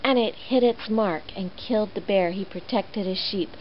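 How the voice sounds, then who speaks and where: A woman with a mid-range voice tells children a Bible story at normal speed, animated and expressive. The recording is muffled, with faint noise.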